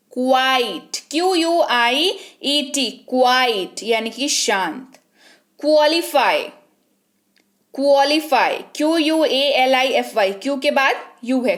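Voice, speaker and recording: A woman's voice: high voice, a bit bright. A woman teaching English spelling rules, patiently spelling words out letter by letter and asking herself questions before answering them. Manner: patient, asks and answers her own questions. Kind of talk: spelling lesson in Hindi.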